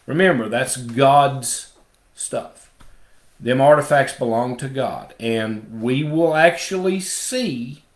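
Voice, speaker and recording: A man's voice: mid-range voice, slow pace, roomy sound. A man leading a Bible study, explaining step by step with emphatic asides.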